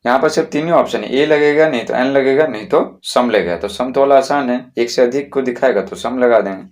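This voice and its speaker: Man, patient schoolteacher explaining step by step, mid-range voice. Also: medium pitch. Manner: slow, repetitive classroom explaining with frequent checks. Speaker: teacher.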